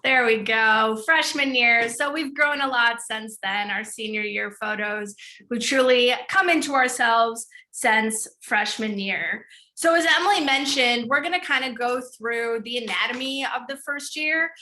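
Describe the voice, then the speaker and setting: A middle-aged woman from the Chicago suburbs hosts an online open house panel. She talks in an upbeat, chatty way with easy fillers. Her voice is bright and sits a little high. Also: measured pace. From northern suburbs of Chicago. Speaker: student programs director hosting a panel.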